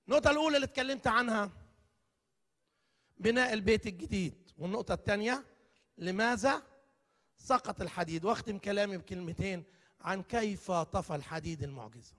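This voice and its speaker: High, bright preacher in a church hall. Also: male voice, lively intonation, fairly quick, long pauses. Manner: emphatic, rhetorical questions, dramatic swings in loudness. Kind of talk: live church sermon. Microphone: live broadcast microphone. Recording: long church hall reverb.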